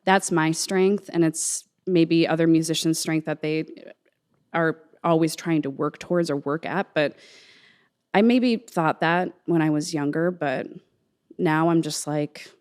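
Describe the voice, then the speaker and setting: A woman with a low-pitched voice speaks as a musician guest in a casual interview. She is earnest and reflective, phrasing her thoughts informally as she works them out. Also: steady tone, unhurried, darkish tone, clear, resonant tone. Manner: informal, earnest, thinking aloud.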